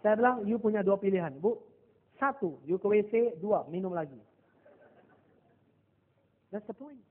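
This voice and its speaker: A man with a high voice coaches a live seminar audience, acting out little dialogues as he tells his stories. His voice rings through a reverberant hall. The recording has a narrow, phone-like tone. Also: unhurried. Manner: lively storytelling, mixing English phrases, acting out dialogue. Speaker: motivational NLP trainer. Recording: echoey hall over a thin, phone-like line.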